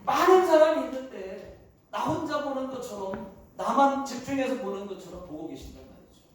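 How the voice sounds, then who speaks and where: Male pastor, sermon, repeats words for emphasis, very high voice, echoey church, far from mic. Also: expressive, fairly quick, a little hiss or hum. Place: church hall.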